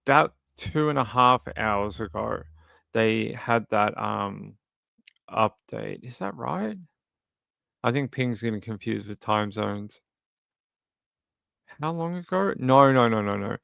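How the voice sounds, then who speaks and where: An Australian man talks casually as a livestream host. His voice has a creaky edge yet stays clean and resonant, recorded close and dry. He comments with sarcastic, skeptical deadpan. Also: on the low side, a little slow, dry recording. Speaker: livestream host of a true crime channel. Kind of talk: casual news commentary, reading and answering live chat.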